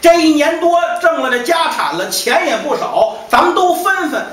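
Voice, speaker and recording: 一名男说书人在扮演一位丢了妻子、悲愤激动的中年东家，说话翻来覆去、时常喊出来。. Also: male voice, extremely high pitch, sing-song, normal speed, pitched above the performer's own voice, full character voice. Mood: desperate. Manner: agitated, repeating himself, shouting. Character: grief-stricken middle-aged male master. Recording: echoey distant hall, faint noise.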